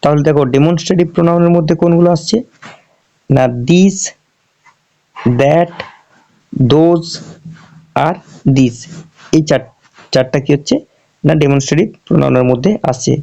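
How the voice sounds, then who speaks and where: A man teaching English grammar in a lesson, asking questions and answering them himself, and reading example sentences out slowly. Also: a little high, gravelly, warm tone. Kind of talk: explanatory classroom lesson. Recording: dull lo-fi recording.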